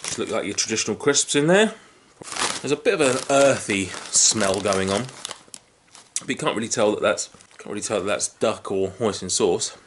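This fairly low-pitched man speaks at a normal pace with lively intonation. He's British, in his thirties, and gives an off-the-cuff tasting review to a camera placed just ahead of him in a small indoor living room, munching chips as he talks while packets crinkle clearly in the background.

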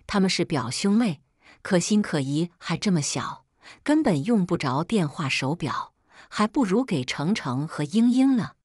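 A woman's voice: on the low side, very animated, measured pace, darkish tone, no echo, clean studio sound. Woman voicing an indignant, entitled sister-in-law. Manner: indignant, scornful.

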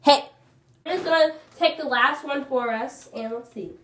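Giggly bright-voiced female vlogger. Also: high voice, moderate pace. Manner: chatty, giggly, reads out game cards. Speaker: vlogger hosting a family game. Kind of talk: casual chat. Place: echoey room indoors. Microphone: phone camera from across the room. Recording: echoey room, distant phone mic.

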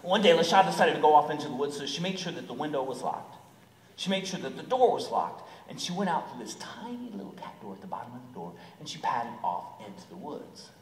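A man's voice: a little high, quick pace. A man telling a folktale live, coaxing listeners to repeat words and dropping to whispers. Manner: animated, coaxes audience to repeat words, drops to whispers. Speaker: storyteller. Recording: echoey hall from far off, noisy.

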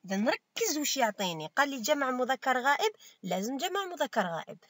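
A woman's voice: high-pitched, big pitch swings, fast talker, fairly bright tone, no room sound. A woman teacher with an Algerian Arabic accent, giving a step-by-step revision lesson and asking and answering her own questions. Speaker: primary school teacher.

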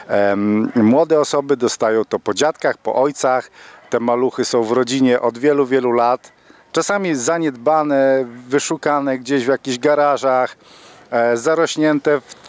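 A middle-aged man speaking outdoors into a handheld mic as a rally commander, steady and full of drawn-out fillers. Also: medium pitch. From Poland. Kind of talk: outdoor interview statement. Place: outdoors at a car rally parking area.

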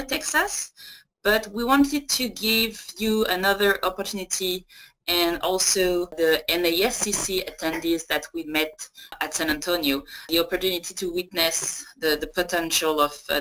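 A woman's voice: lowish voice, fairly bright tone, low-quality recording. A woman hosting a webinar, giving an introduction to a presentation. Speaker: marketing manager hosting webinar.

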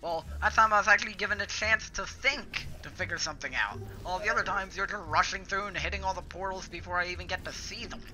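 A young man in casual co-op gaming chat, excitable and cursing when frustrated. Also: high-pitched, quick pace, few pauses. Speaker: gamer. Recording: music playing under the talk.

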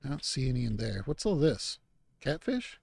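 A man's voice: mid-range voice, very animated, normal speed, gravelly, a little mellow, no room sound. Laid-back man narrating his gameplay. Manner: easygoing, rambling, talks to himself about the game; mock-outraged scolding at game animals. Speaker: gaming channel host. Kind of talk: relaxed let's-play commentary.

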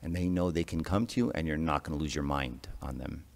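A man's voice: rumbling low, fairly quick, vocal fry. A man, an archdeacon, preaching a conversational sermon to a congregation, often checking in with "right?". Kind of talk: sermon to a parish audience. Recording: long hall reverb.

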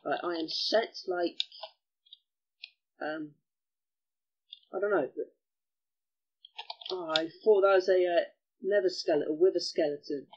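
A man giving chatty gameplay commentary as host of a gaming channel, excitable and given to mild cursing. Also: sits high, unhurried, long pauses, lo-fi sound.

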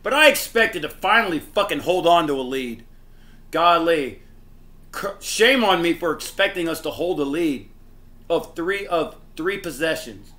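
A man hosting a sports fan channel, delivering a frustrated reaction rant that swings from muttering to shouting. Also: fairly high pitch, lively intonation, unhurried.

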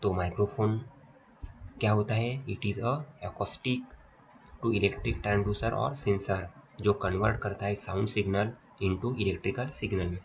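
A man with an Indian accent, a polytechnic lecturer, talks through a slide lecture, reading each point aloud and explaining it step by step. His voice sits fairly low, with a steady tone and a slightly slow pace. The audio is dull and lo-fi, with faint noise and clicks.

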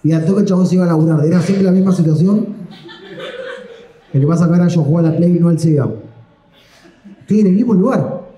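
A man's voice: high voice, fast, long pauses, dark tone. Rambling Argentine man doing stand-up. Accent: Argentine Spanish. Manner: rambling, slangy, self-deprecating. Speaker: stand-up comedian. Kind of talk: live stand-up storytelling. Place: comedy stage. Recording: echoey live room.

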